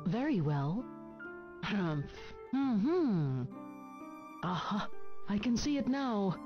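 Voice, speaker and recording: An actress playing a solemn, mystical fortune teller in a video game, speaking formally and portentously. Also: female voice, medium pitch, big pitch swings, drawn-out words, heavily acted. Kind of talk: video game English dub, fortune-telling. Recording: muffled game audio with music.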